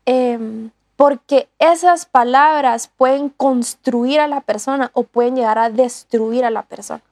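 A woman talks through a lesson earnestly, pausing and restarting often. Her voice sits high, and the sound is close and dry. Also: darkish tone, no room sound. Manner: earnest, many restarts and fillers. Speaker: co-host teaching on discipleship. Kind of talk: casual teaching talk.

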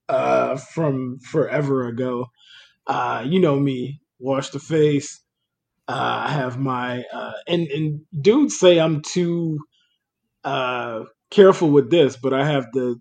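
A man's voice: mid-range voice, gravelly, darkish tone. A man co-hosting a podcast in casual chat, laid-back and laughing often, trailing off with fillers. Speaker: podcast co-host.

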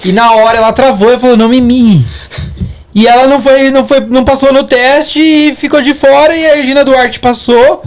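A man's voice: extremely high pitch, fairly even intonation, fairly quick, few pauses. A man with a Brazilian Portuguese accent hosting a podcast, chatting in a laid-back way and often calling his guest 'velho' or 'mano'. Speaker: podcast host. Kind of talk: casual podcast chat.

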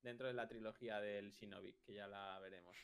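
A man's voice: on the low side, steady tone, brisk, smooth. A man with a Spain accent co-hosting a casual chat, explaining things and repeating for emphasis. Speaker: podcast co-host.

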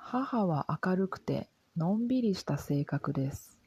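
A soft-spoken woman reading a simple lesson for language learners in a calm, gentle, careful way. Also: fairly low pitch, measured pace, slightly rough, dry recording, low-quality recording. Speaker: Japanese language teacher.

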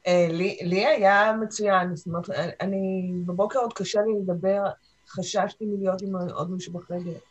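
A woman taking part in an online group session, answering the host in a hesitant, halting way on a video call. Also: mid-range voice, fairly even intonation, slightly rough, dull audio. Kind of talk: casual chat.

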